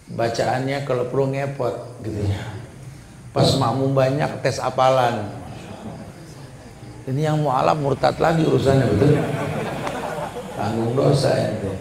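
Man, preacher, gravelly, joking sermon style, mid pitch, roomy echo. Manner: humorous, conversational, mimics voices to make points. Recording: echoey room with faint background noise.

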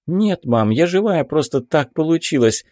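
A man's voice: fairly high pitch, normal speed, no room sound, clean studio sound, pitched above the performer's own voice, close to an everyday voice. A man reading an audiobook, voicing an emotional young witch woman in a raised voice. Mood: alarmed. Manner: excitable, emotional. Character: fiery young red-haired witch woman.

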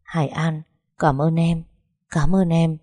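Gentle young husband, read by a woman. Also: deep voice, flat delivery, slow, dry recording. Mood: shaky. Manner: soft, coaxing, reassuring. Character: tender young husband at a birth.

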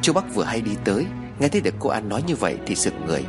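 A man narrating a horror story with expressive storytelling. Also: on the low side, rapid-fire. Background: faint music.

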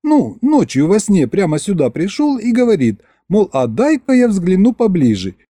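Brief: male reader doing a playful young storybook wife, higher and lively, folksy coaxing talk. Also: normal speed, no room sound, clean studio sound. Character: young affectionate teasing peasant wife.

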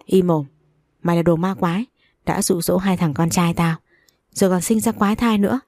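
A woman's voice: fairly low pitch, fairly even intonation, normal speed, darkish tone, no echo, close to an everyday voice. A woman voicing a harsh, scheming older mother-in-law who scolds and commands in a storybook reading. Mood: menacing.

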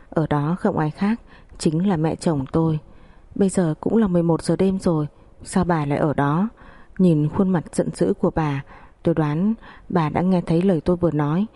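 Low, mellow woman narrating a story. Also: no echo. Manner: steady, melancholy reading. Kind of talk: first-person story narration.

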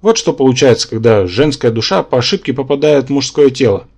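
A man's voice: mid-range voice, animated, brisk, creaky, a little mellow, slightly rough. A man voicing a pedantic, lecturing male spirit symbiont who lives in the hero's head. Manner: lecturing, matter-of-fact.

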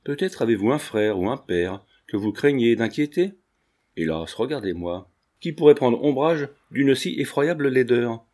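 A man's voice: mid-range voice, expressive, normal speed, darkish tone, natural voice. A man reading aloud and voicing an earnest, romantic young painter who speaks firmly. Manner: firm, earnest.

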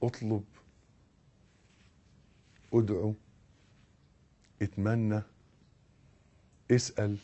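A man preaching a sermon with an Egyptian accent, repeating words and swinging between emphatic bursts and hushed tones. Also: fairly low pitch, level tone, extremely slow, long pauses. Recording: audio recording.

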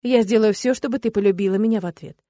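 A woman's voice: mid-range voice, fast, mellow, no room sound, natural voice. A woman voicing a brusque male dragon in a man's form, giving short, stubborn replies in a dry recording. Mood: heated.

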